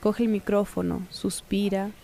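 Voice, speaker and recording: Woman, documentary narrator, mellow and warm tone, calm measured delivery. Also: mid-range voice, gravelly, slight background noise. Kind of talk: scripted narration.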